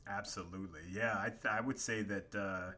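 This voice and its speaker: A man co-hosting a casual podcast chat, agreeable and quick to laugh. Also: on the low side, steady tone, sharp tone. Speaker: podcast co-host.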